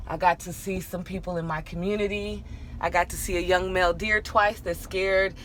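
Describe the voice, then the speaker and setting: A woman's voice: on the low side, fairly even intonation, normal speed, fairly bright tone. A woman speaking to her vlog in an earnest, encouraging, casual way. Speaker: vlogger. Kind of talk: casual heartfelt vlog chat. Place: outdoors. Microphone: handheld phone. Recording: noisy outdoor phone recording.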